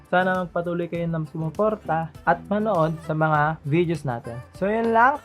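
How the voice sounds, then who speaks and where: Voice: medium pitch, normal speed, a bit bright. A vlogger talking casually to viewers, explaining things in a chatty, rambling way with side stories. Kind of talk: casual vlog talk to viewers. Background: faint background music.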